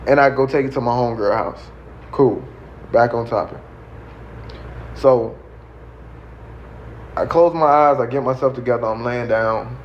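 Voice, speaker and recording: A man's voice: medium pitch, a little slow, long pauses. A man telling a personal story in casual talk, acting out the voices of the people in it. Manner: animated, acts out voices and siren sounds. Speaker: guest storyteller. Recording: slightly dull with faint noise.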